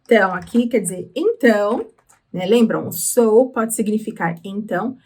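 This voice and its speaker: A woman with a Brazilian Portuguese accent teaching English through song lyrics, explaining patiently and slowing down on words. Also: mid-range voice, lively intonation, a little mellow, husky. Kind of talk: explaining lyrics in a language lesson.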